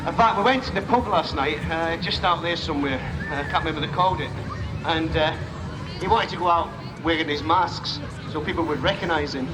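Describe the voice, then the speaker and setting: Over an outdoor PA, a man with a fairly high voice announces a live outdoor stunt show to a crowd, speaking a little fast with informal, jokey patter. The sound is big and roomy, with crowd, vehicle and other outdoor noise in the background.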